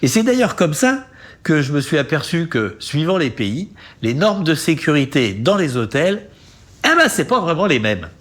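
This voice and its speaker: A man's voice: on the high side, sing-song, normal speed, a bit bright. A man hosting a travel show, narrating in a casual, chatty way and often laughing.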